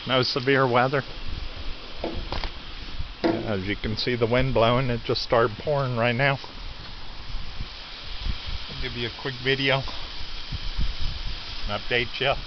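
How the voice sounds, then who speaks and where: A man's voice: medium pitch, little pitch movement, slow pace, pauses often. Man vlogging outdoors, wind roaring on the mic. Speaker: weather vlogger. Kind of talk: casual outdoor vlog update. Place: outdoors at a farm in stormy wind and rain. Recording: dull audio, loud wind buffeting the mic.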